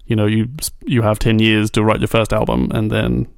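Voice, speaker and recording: Gravelly-voiced man joking around wryly. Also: on the low side, completely flat delivery, normal speed, no room sound, studio quality. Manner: wry, joking, asks questions. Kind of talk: casual chat.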